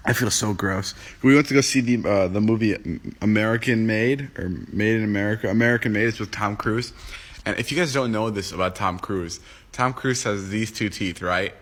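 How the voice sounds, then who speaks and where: This man's voice sits on the low side, a little bright, at a normal speed. He's in his twenties, freshly woken and groggy, casually chatting to viewers on a phone livestream from home. He rambles, jokes, and answers comments as they come in.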